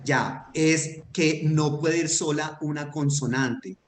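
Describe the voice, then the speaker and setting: A man's voice: a little high, takes it slowly. A man teaching a grammar lesson online, patient and methodical, often checking that his student follows. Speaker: Hebrew teacher. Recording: echoey room with faint noise.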